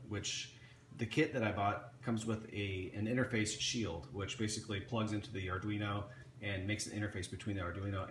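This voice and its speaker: A man casually showing off an electronics kit he built, talking off the cuff with frequent restarts and fillers. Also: fairly low pitch. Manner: rambling, many restarts and fillers. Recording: echoey room with faint ambient noise.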